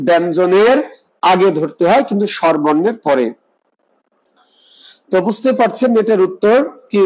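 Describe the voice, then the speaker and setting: A man's voice: sits high, a little mellow, rough recording. A man teaching an exam preparation class, explaining step by step, repeating points and quizzing his students. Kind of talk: live online class lecture.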